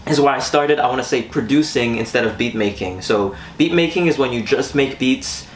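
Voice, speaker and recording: A young man from Switzerland, a musician and producer, talks through his story as a guest in a relaxed, reflective way. He sits back from the microphone in a music studio, so the room echo comes through. There is faint background noise. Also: mid-range voice, fairly quick, distant mic. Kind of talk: casual interview. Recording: roomy, off-mic with faint noise.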